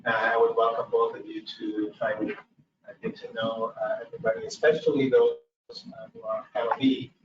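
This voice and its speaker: A man chairing a public commission meeting, reading procedural items and pausing often on "uh". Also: mid-range voice, slight background noise. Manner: procedural, with frequent "uh" pauses. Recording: echoey room, mic far off, dull sound.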